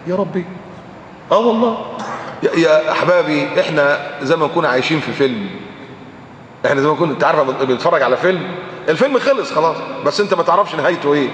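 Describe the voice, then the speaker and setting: A man with an Egyptian Arabic accent preaching a sermon, animated and full of rhetorical questions, sometimes chanting verses. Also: fairly high pitch, rapid-fire, slight background noise. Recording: echoey hall recording.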